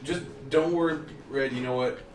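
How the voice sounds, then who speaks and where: A man's voice: fairly high pitch, steady tone, normal speed. A man player teasing and joking at a tabletop game. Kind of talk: casual tabletop game chat. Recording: roomy far-off sound with loud background noise.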